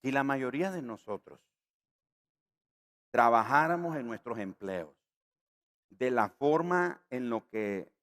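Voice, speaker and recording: A man from Nicaragua, a pastor preaching a sermon, rising in pitch and volume on key words and acting out the voices in his stories. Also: animated, slow, pauses often, a bit bright.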